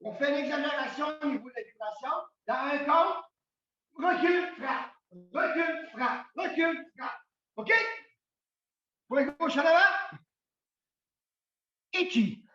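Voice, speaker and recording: A man with a Québécois French accent leads a karate class, his very high, bright voice calling counts and instructions. He speaks slowly and commandingly, heard from a distance in a booming, echoey dojo hall on a dull recording. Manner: calls counts in Japanese, loud commanding, explains between drills. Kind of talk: shouted martial arts class instruction.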